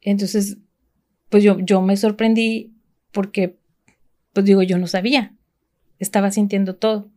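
A woman from Mexico speaks as a podcast guest, recounting her experiences in a relaxed, conversational way. Her talk rambles, looping back through restarts and fillers as she goes. Her voice sits at an ordinary middle pitch. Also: unhurried, long pauses. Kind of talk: casual conversational storytelling.

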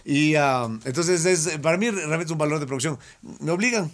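A man's voice: fairly high pitch, fairly quick. Rambling, laughing man. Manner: rambling, self-mocking, laughs often. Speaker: guest. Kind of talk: casual chat.

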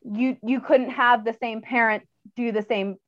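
A woman's voice: on the high side, steady tone, measured pace, no echo. A woman who trains dogs, speaking as an interview guest in a casual, chatty way, full of fillers and laughter, on slightly dull audio.

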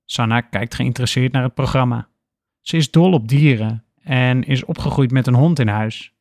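A man reads a story aloud in a calm, even storytelling manner. His voice sits at a middle pitch for a man. The recording is dry, with no room sound. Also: normal speed, dry recording. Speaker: narrator. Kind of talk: scripted story narration.

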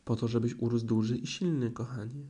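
A man's voice: mid-range voice, fairly even intonation, a little fast, mellow, breathy edge, close to an everyday voice. A man voicing a kindly but firm mother kangaroo in a storybook reading, coaxing and motherly. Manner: coaxing, bossy-sweet.

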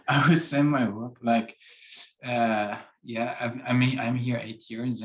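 A man from Iran talks in a relaxed interview. His pitch sits mid-range, and he works through phrasing with plenty of restarts. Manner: halting, with restarts and non-native grammar. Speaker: guest. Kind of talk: casual interview talk.

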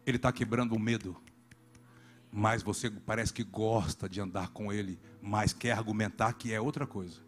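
A Brazilian man preaching a sermon as a pastor, dropping to low murmurs and then rising to shouted calls. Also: fairly even intonation, normal speed. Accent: Brazilian Portuguese.

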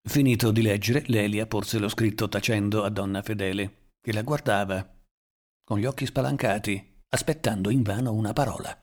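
A man narrating a literary novel in a measured, even reading style. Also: on the low side. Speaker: audiobook narrator.

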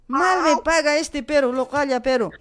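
Lady doing a mom scolding her kid, high voice, nagging nonstop, music behind. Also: normal speed, fairly bright tone. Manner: nagging, threatening, repetitive scolding. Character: scolding mother of a lazy schoolboy. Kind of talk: improvised comic role-play on air. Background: music in the background.

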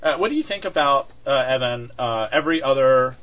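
A man's voice: medium pitch, expressive, a little fast, fairly bright tone. Male podcast co-host, rambling and chatty, mid-range voice, muffled lo-fi recording. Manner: chatty, many fillers and restarts, laughs often. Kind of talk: casual chat. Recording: dull lo-fi sound.

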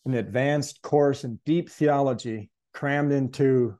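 A man with a warm, mid-range voice speaks slowly as an interview guest, earnestly recounting a spiritual experience. He's reflective and searches for words in this conversational testimony.

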